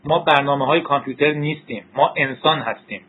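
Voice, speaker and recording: Brief: man reading a frantic young hacker, husky pitch pushed up, tinny lo-fi audio. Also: natural voice. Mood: agitated. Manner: urgent, rising to shouts. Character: young male hacker, desperate and pleading. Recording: tinny narrow-band recording.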